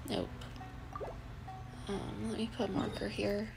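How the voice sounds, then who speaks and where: A woman's voice: mid-range voice, flat delivery, unhurried, creaky, low-quality recording. A woman streamer giving casual, musing gameplay commentary and addressing chat as y'all. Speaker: game streamer. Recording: game music playing behind.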